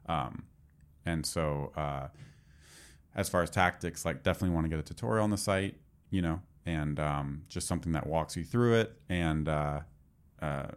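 A man's voice: a bass voice, clear, resonant tone. A man in casual conversation, rambling with lots of fillers as he talks shop. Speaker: podcast co-host, developer. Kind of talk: casual chat.

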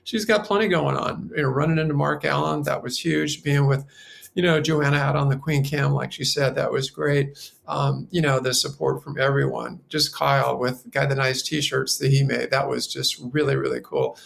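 Gravelly-voiced man, coach guest, upbeat and reflective, clears his throat a lot. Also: mid-range voice, steady tone, moderate pace, a bit bright. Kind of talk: casual podcast conversation.

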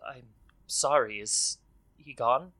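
A man voicing a poised, formal noblewoman in a tabletop game, speaking quietly and in a measured way. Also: mid-range voice. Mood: grave.

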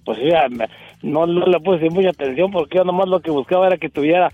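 A man's voice: fairly high pitch, fast, narrow, tinny audio. A man, chatting casually and jokingly as a show guest in a rambling, colloquial way. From Mexico. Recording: music playing behind the voice.

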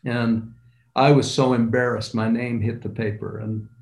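A man's voice: mid-range voice, level tone, vocal fry, a little mellow. Older guy telling his life story, earnest, echoey room. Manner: earnest, unhurried recollection. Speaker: guest entrepreneur. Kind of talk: personal storytelling. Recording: roomy echo.

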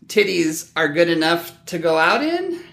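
A middle-aged man hosting a podcast with animated, joking, mock-defensive banter in a casual style. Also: fairly high pitch, measured pace, vocal fry, roomy sound. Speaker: podcast host.

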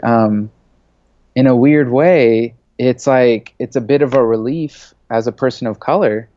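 In a lo-fi, echo-free recording, a man in his thirties speaks at a measured pace in a mid-range voice. He was born in Saudi Arabia, raised in the US, and works as a media creative, appearing here as a casual interview guest whose loose speech leans heavily on "you know" and "like."

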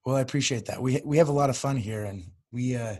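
A man hosting a casual podcast, his voice hoarse, gravelly and raspy as if nearly lost. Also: mid-range voice, quick pace, darkish tone. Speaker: podcast host.

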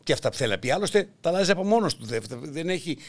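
With a fairly high, animated voice, an older podcast host delivers a mocking political satire monologue, performing voices theatrically as he goes.

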